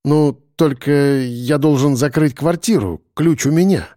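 A man voicing a slick, eager male realtor pitching an apartment in a wheedling way. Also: a little slow, dark tone, no room sound, clean studio sound, close to an everyday voice. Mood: salesy. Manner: wheedling, salesy.

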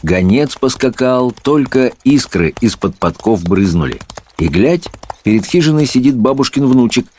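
A man narrating a fairy-tale audiobook with a lively, expressive reading. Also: medium pitch, normal speed, slight background noise. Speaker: storyteller.

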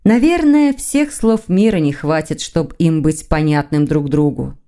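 A woman narrating an audiobook with an even, expressive reading. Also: low-pitched, a little slow. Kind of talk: scripted narration.

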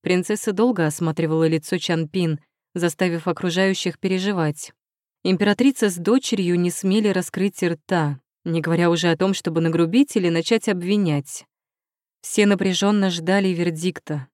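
A woman narrating an audiobook in an even storytelling manner. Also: on the low side, normal speed, no room sound, clean studio sound. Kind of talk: scripted narration.

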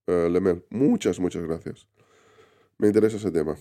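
At an ordinary pace, a man with a deep, mellow voice runs a casual live stream while recovering from being sick. He reads the chat, calling out viewers' names in greeting, and his rambling talk is full of restarts.

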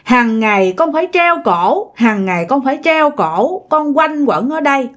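A woman's voice: sits high, sing-song, normal speed, pitched above the performer's own voice. A woman voicing the grieving ghost of a young woman, pleading and repeating her pain in a plaintive tone. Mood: anguished pleading.

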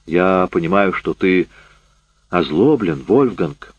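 A man doing a tense, defensive official who fights to keep his composure under attack. His voice stays fairly low and controlled. The recording is dry and slightly muffled. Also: slow pace, slightly rough, no echo, heavily acted. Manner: strained, trying to stay calm.

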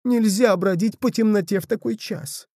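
A sobbing, frightened little folk woman, as a male reader puts her on. The voice climbs far above his own into a thin wail, while keeping a very dark, mellow grain and a dry, close sound. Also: normal speed, no room sound. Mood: frightened, tearful. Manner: sobbing, high and plaintive.

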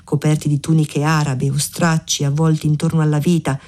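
Low-voiced woman narrating a novel. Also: little pitch movement, fairly quick, mellow. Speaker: audiobook narrator. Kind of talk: literary audiobook narration.

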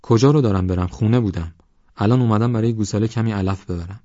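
A man's voice: on the low side, warm tone, no echo, close to an everyday voice. A man voicing a desperate village mother who pleads and cries out shrilly. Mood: desperate, pleading. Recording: dull lo-fi audio.

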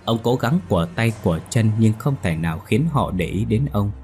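A man's voice: fairly low pitch, expressive, brisk, a little mellow. A man narrating a ghost story in a dramatic reading voice. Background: faint music.

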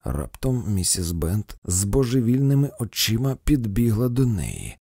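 A male narrator reads an audiobook with expressive storytelling. His voice is dark, mellow and husky, and his pitch moves in a lively way. The recording is close and dry, with no room sound. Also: a little slow, no room sound. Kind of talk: audiobook reading.

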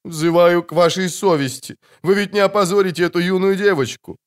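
A man voicing a frightened, pompous noblewoman chaperone who protests in a shrill, breaking voice. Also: a little fast, clean tone, close to an everyday voice. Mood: indignant. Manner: shrill, indignant.

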